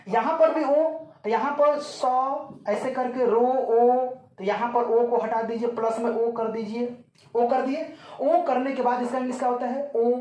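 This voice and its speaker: A male teacher, giving a classroom grammar lesson that slowly repeats each point and keeps asking if it is clear. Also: extremely high pitch, a little mellow. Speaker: English teacher. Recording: echoey room, voice from far off.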